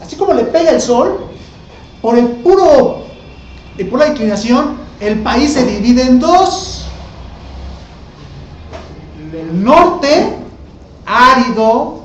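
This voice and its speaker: A man's voice: very high-pitched, echoey room, a little hiss or hum, poor audio. A male teacher, giving a casual classroom lecture full of rhetorical questions to the class.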